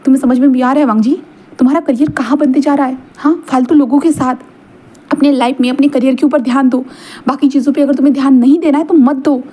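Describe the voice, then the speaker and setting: A woman's voice: sits high, fairly even intonation, fast talker, dark tone, natural voice. A woman voicing a stern, scolding middle-aged father who lectures his son and keeps repeating a curt "haan" between reproaches.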